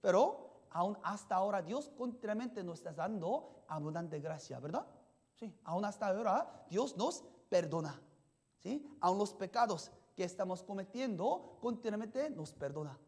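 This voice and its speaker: A pastor preaching a sermon in simple, halting sentences. The pastor keeps asking the congregation questions and checking in with "yes?". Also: mid-range voice, animated, darkish tone. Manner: simple, halting phrasing with restarts.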